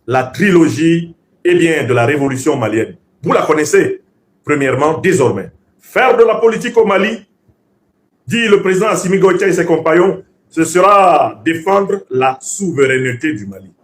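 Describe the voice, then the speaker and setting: A man who grew up speaking Bassa comments on politics at a normal speed, emphatic and professorial like an orator and repeating points for force. His expressive voice sits a little high and moves through wide pitch swings.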